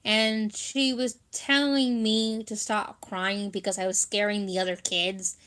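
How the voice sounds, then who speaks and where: A mid-range, fairly bright female voice, level in tone and a little slow, belongs to a young vlogger. She chats casually with viewers about her childhood, giggling often and sprinkling in filler words.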